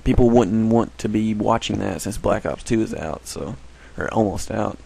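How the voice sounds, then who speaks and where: A man's voice: lowish voice, normal speed, creaky, warm tone, breathy edge, low-quality recording. A man giving casual, rambling commentary while playing a game, often correcting himself. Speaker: gameplay commentator.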